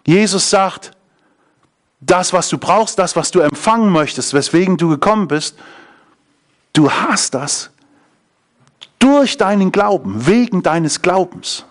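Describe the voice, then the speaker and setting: A man's voice: sits high, animated, unhurried, long pauses. A man preaching a sermon, often asking his listeners questions. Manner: engaging, asks the audience questions.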